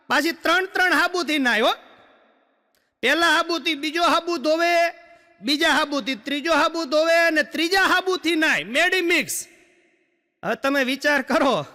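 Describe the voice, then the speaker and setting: High bright comedian on stage. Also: male voice. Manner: punchy joke-telling with rhetorical asides to the crowd. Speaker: stand-up comedian. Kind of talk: live stand-up storytelling. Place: live stage show. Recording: echoey hall reverb.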